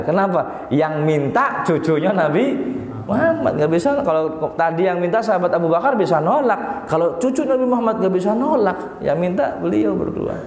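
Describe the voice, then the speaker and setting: Man preaching in an echoey hall. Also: a little mellow. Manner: dramatic, acts out quoted lines with rising pitch. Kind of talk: sermon storytelling. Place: large hall at a religious gathering. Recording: echoey hall with long reverb.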